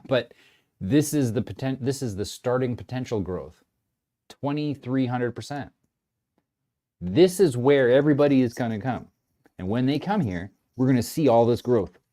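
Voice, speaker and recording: A man giving casual, animated trading commentary, rambling and often restarting his sentences. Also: medium pitch. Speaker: market commentator.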